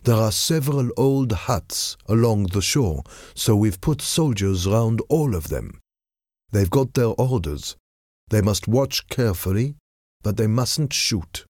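A man's voice: on the low side, animated, a little slow, darkish tone, no room sound, clean studio sound. A man voicing a dutiful male soldier-servant who reports plainly to his master.

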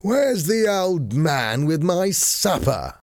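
A man voicing a smug, languid English gentleman hero who speaks with bored, mocking politeness. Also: a little high, very animated, slow pace, no room sound, studio quality, pitched above the performer's own voice. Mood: languid, teasing.

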